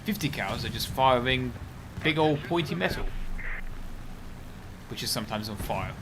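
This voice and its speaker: Give me a young man doing casual game-stream commentary, rambling and animated, with a very lively voice. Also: medium pitch, moderate pace, noisy background. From United Kingdom. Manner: rambling, chatty, breaks off to react to the game.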